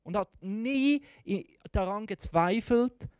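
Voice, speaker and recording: A preacher giving a lively sermon, retelling a story in casual, slangy, dramatic words. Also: mid-range voice, takes it slowly, smooth, no room sound, studio quality.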